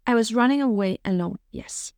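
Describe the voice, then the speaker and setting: A middle-aged Danish woman with a fairly high, clear, resonant voice speaks at normal speed. As a podcast guest, she tells frank, open, lively stories about her past, leaning on "you know" a lot. The audio is studio quality with no room sound.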